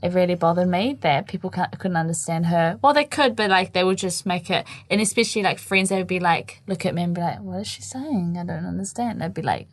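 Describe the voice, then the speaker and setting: Woman cohost, kiwi accent, laughs a lot, animated stories, dead dry sound. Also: on the low side, fast talker, hardly any pauses, dry recording. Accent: New Zealand. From France. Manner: laughs often, animated storytelling. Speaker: podcast co-host. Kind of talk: casual chat.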